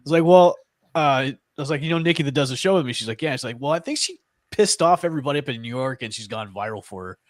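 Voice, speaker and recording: A man hosting a casual sports talk show, animated and quick to laugh. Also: medium pitch, dry recording. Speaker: podcast host.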